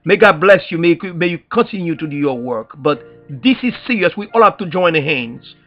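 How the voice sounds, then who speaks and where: Expressive and at normal speed, a high-voiced man with a Haitian accent gives an activist's address in a preacher's style, leaning on repetition and pointed rhetorical questions. The recording is dull and lo-fi, with faint music underneath.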